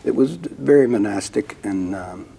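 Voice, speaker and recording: An older man hosting a casual interview, reminiscing in an animated way with lots of "I mean". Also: lowish voice, moderate pace, slight background noise. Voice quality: gravelly, husky. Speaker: host.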